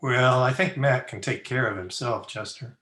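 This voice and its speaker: A crusty town doctor from the Old West, played by a man in a radio drama, recorded in an echoey room. He has a mid-pitched voice and a dry, teasing, folksy manner. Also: normal speed, fairly bright tone, natural voice. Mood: wry, teasing. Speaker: actor in an amateur radio drama. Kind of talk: old-time Western radio acting. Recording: roomy, echoey video-call recording.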